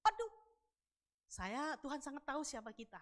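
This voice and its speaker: Woman, middle-aged, high voice, loud, animated storytelling, acts out dialogue. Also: brisk. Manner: speaks loudly with high intonation. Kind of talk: lively testimony talk.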